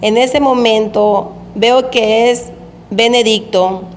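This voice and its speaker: A woman preacher telling of a vision she had, in a slow, repetitive storytelling manner. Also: fairly high pitch, steady tone. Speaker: preacher recounting a revelation. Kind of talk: religious testimony of a vision. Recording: echoey hall with faint background noise.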